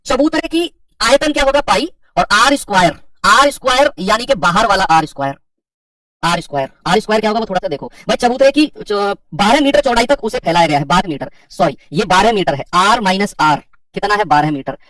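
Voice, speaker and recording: A quick-talking man with a high voice walks through sums out loud and says sorry each time he corrects a slip. The sound is dry, with the mic set a little away from him. He addresses his students casually as "bachche" and "bhai.". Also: expressive, no echo, far from the mic, poor audio. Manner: works sums aloud, corrects himself with quick sorries. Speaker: exam prep teacher. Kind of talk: online math lesson.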